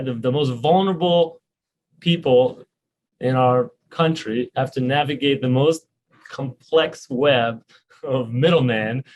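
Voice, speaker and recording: A man in his thirties speaks as a guest on a podcast. He talks earnestly and at medium pitch. He restarts often and fills his pauses. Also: slight background noise. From Romania. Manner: earnest, many restarts and filler words. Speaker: health insurance company founder and CEO. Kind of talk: podcast interview.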